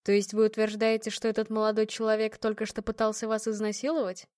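A woman's voice: medium pitch, level tone, fast, a little mellow, no echo, studio quality, natural voice. A woman voicing a stern male police officer who gives curt orders in an audiobook. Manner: curt, commanding.

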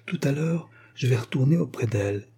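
A man's voice: mid-range voice, expressive, fairly quick, mellow, breathy edge, pitched above the performer's own voice. A man voicing a kindly, earnest young Orthodox priest.

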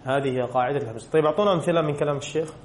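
A man teaches a grammar lesson in a classroom, with a slightly raised pitch. He keeps quizzing the students and going back over the rule. The room echoes, with a faint hum behind him. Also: racing. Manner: asks the class questions and answers them himself, repeats key rules.

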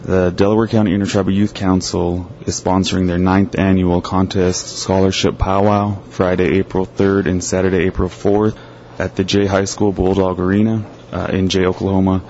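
Man, informal event announcer, very deep, monotone, dull lo-fi sound with faint noise. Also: moderate pace. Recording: muffled lo-fi with background noise.

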